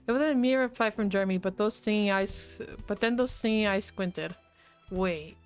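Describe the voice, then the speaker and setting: A woman's voice: medium pitch, brisk, clean tone, faint music behind. A woman streamer reading a visual novel aloud with commentary, giggling often between lines.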